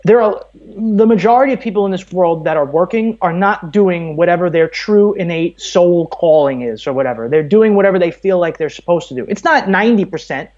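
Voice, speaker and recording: High-pitched and a little mellow, his voice comes through a muffled recording as he talks fairly quickly with few pauses. He's a podcast guest in his thirties from Brooklyn, New York, with an American accent, speaking earnestly and emphatically in a rambling, opinionated conversational interview.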